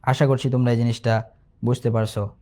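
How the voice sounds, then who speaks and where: A male instructor giving an online exam-prep lesson, patiently explaining and repeating key terms, asking himself questions and slowing down to recite example sentences. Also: medium pitch, little pitch movement, dark tone. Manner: slows to recite Arabic examples.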